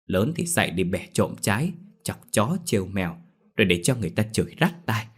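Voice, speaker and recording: A man narrating a ghost story in a lively, expressive storybook manner. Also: fairly low pitch, a little fast, slightly rough.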